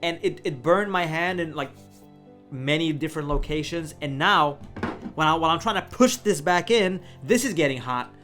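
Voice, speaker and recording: A man recounts a mishap in a casual, animated storytelling voice, often laughing and acting out his own reactions. His voice sits a little high for a man. Faint music plays behind him. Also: moderate pace. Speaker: vlogger.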